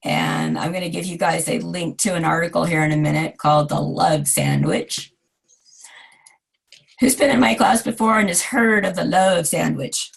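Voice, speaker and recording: A hoarse woman in her forties giving a recorded design lecture, chatty and self-deprecating with asides to her students. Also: fairly low pitch, very animated, fairly quick, few pauses. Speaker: design instructor.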